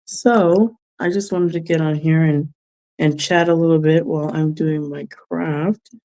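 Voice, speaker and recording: Slow, mellow-voiced woman chatting. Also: low-pitched, steady tone. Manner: unhurried, reflective, chuckles often; gentle advice-giving. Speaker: vlogger giving life advice. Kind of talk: casual livestream chat while crafting.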